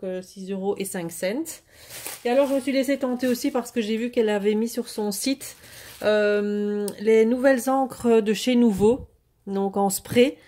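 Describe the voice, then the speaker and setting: A woman with a mellow, mid-range voice chats casually through a craft product haul as a vlogger. She sounds hesitant, with lots of fillers and restarts, yet clearly enthusiastic about what she's showing.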